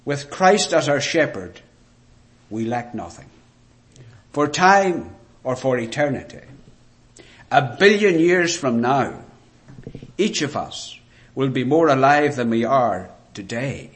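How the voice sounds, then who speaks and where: A man with a Northern Irish Ulster accent preaching a sermon in a deliberate, rhetorical way with emphatic phrases. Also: mid-range voice, animated. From rural Ireland, Ulster.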